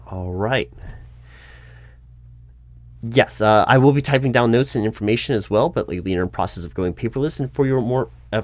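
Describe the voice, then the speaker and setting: In a one-sided mock job interview, a man voices a courteous but officious hiring manager, using stiff, long-winded corporate phrasing. His voice sits on the low side and is a little mellow, captured in a dry recording.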